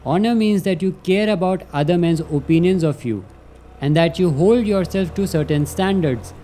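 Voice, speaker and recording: A man with a fairly high yet soft, mellow voice delivers a scripted motivational monologue. He is earnest and instructive, speaking in measured statements. Faint vehicle noise runs behind him. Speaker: vlogger.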